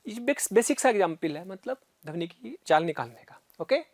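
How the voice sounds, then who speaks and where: A man's voice: high voice, sing-song, moderate pace, dry recording. Patient man teaching physics, dry sound. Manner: explains step by step and often checks in with "है ना" and "ठीक है"; repeats sounds aloud to demonstrate. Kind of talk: recorded classroom lecture.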